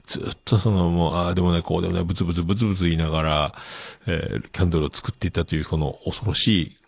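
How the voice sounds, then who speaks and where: Middle-aged male host, low husky voice, lively swings in pitch, rambling with fillers. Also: very fast. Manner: rambling, full of fillers, chuckling at himself. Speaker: show host. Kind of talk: casual solo talk.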